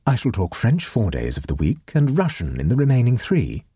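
Storybook: a calm, dry-witted noblewoman, voiced by a male narrator, husky and close. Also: mid-range voice, normal speed, dry recording, voice pushed up, heavily acted. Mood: coolly dry. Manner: dry, coldly composed. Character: cool, unflappable aristocratic woman.

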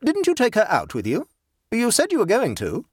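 A man's voice: high voice, huge pitch swings, moderate pace, breathy edge, dry recording, studio quality, pitched above the performer's own voice, exaggerated voice. A man doing a stern old dowager. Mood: sharp. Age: older. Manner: reproving, clipped.

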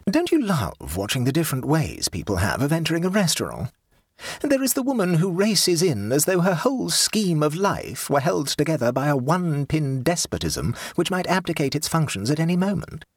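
A man's voice: fairly high pitch, sing-song, moderate pace, husky, no room sound, clean studio sound, pitched above the performer's own voice, heavily acted. A man reading a witty young dandy. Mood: amused. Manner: drawling, ironic, witty. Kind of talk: audiobook character voice.

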